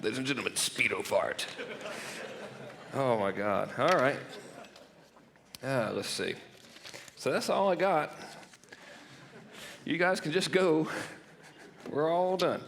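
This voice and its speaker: A man's voice: on the high side, slow pace, gravelly, long pauses, in a large hall, a little hiss or hum. A man presenting at a marketing workshop in a loose, jokey and profane way, laughing at his own gags. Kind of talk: joking seminar talk. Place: event room stage.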